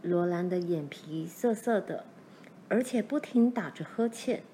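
A woman narrating a children's novel chapter in a calm, even storytelling manner. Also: on the low side, measured pace, slight background noise. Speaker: audiobook reader.

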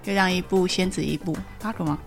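A woman's voice: fairly low pitch, steady tone, fast, gravelly. Woman with a Taiwanese accent, chatting casually. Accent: Taiwanese Mandarin. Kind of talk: casual group chat. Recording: background music behind the voice.

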